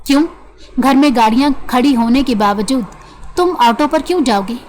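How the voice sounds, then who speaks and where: A woman reading the part of a stern, calm middle-aged man who heads the family. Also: high voice, moderate pace, natural voice. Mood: firm. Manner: calm but firm.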